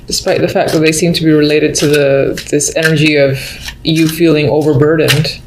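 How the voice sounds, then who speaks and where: Low-voiced woman giving a mystical tarot reading. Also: steady tone, normal speed. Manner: musing, thinking aloud to the listener. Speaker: tarot reader. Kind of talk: unscripted tarot horoscope reading. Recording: roomy echo, background noise, faint clicks.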